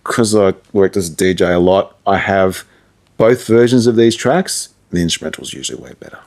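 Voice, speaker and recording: Chatting about his creative work as a guest, this musician, DJ and radio presenter keeps things colloquial and self-deprecating. He speaks at a normal pace in a low, somewhat dark voice, and the whole exchange is a casual conversation about music-making.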